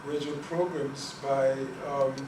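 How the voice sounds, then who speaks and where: Here a man from Guyana lectures on Caribbean languages and fields questions, speaking slowly in a steady, mid-range voice. Earnestly, he repeats words as he works through his thoughts. Sound is noisy and reverberant, captured from afar.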